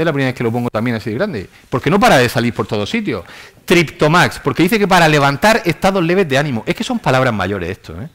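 A man giving a public science lecture in an animated, ironic way, acting out quotes in mock voices. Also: mid-range voice. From Spain. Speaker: university lecturer. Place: lecture hall with audience.

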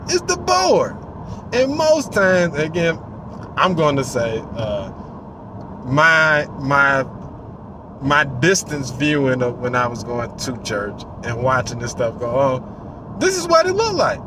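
A man in his forties giving animated, casual commentary from inside a parked car, acting out voices and swearing freely. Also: medium pitch, slow, noisy background. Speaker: vlogger. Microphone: phone on the dashboard.

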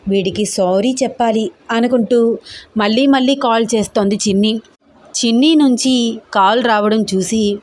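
A woman narrating an audio story in an even storytelling manner. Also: a little high.

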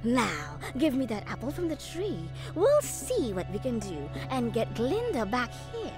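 Casting: wicked witch for audio drama, high swooping voice, menacing, theatrical, mocking. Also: wildly swooping pitch, music in the background. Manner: theatrical, drawn-out taunting, cackles. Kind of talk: family audio drama acting.

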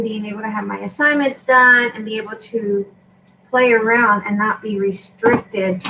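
A woman's voice: mid-range voice, a bit bright, distant mic, a little hiss or hum, rough recording. Chatty woman rambling through a craft tutorial. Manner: chatty and rambling, with many fillers. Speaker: craft vlogger and shop owner. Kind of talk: casual crafting tutorial chat.

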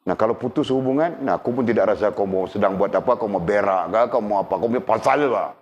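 A man with a fairly low voice gives a casual religious lesson, speaking conversationally and often pausing to check that his students understand. The recording sounds dull and lo-fi. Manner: conversational, keeps checking in with listeners. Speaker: religious teacher. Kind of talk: casual teaching talk.

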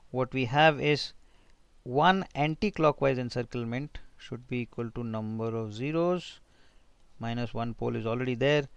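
North Indian man lecturing, clear higher-pitched voice. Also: dry recording. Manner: informal, thinking aloud, mixing in Hindi asides. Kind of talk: technical lecture with handwritten working.

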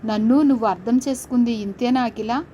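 A woman voicing a loving young husband who speaks gently and reassuringly in a storybook tale. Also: a little high, fairly quick, slight background noise, natural voice. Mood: hurt. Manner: gentle, coaxing.

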